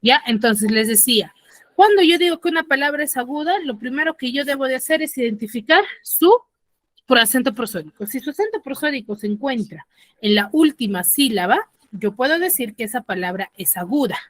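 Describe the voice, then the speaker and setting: A woman's voice: high voice, expressive, fairly quick, no room sound. A woman teaching an online class, explaining step by step and checking in with her students. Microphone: computer mic on a video call.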